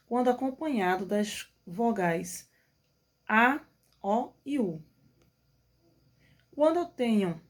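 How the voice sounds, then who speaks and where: A woman's voice: on the high side, darkish tone. A middle-aged Brazilian woman teaching a remote class to young pupils. She explains step by step and checks in often with her pupils. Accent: Brazilian Portuguese. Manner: patient, explanatory, frequent checking "tá?". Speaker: primary school teacher.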